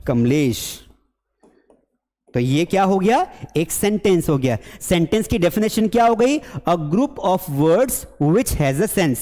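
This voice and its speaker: A man's voice: sits high, mellow, big-room sound. A man from India teaching a spoken English lesson, chatty, asking questions and answering them himself. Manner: chatty, asks and answers his own questions, mimics students.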